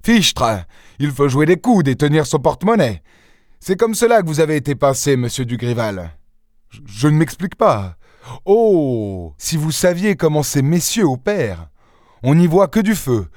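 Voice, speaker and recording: A smooth-talking fake police inspector chats briskly and blusters in a raised voice, as a male reader puts him on. The sound is close and dry. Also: a little high, big pitch swings, darkish tone, no room sound, voice pushed up. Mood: chatty.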